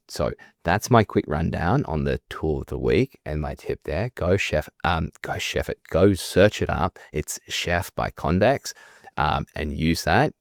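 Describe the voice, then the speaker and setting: A man co-hosting a podcast, talking quick and enthusiastic. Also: vocal fry, no echo, studio quality. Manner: quick, enthusiastic, pitch jumps up when excited. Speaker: podcast co-host. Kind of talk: casual chat.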